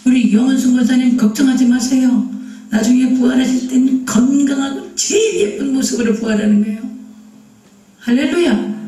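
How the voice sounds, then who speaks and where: Woman preacher, lively storytelling sermon, echoey church hall, mic far off. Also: on the high side. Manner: animated storytelling with acted quotes and rhetorical questions. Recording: echoey room, distant mic.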